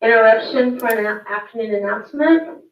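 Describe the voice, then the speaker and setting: A woman reading afternoon announcements over a school intercom loudspeaker in a plain, measured way. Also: a little high, slight background noise. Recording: muffled, echoey intercom from far off.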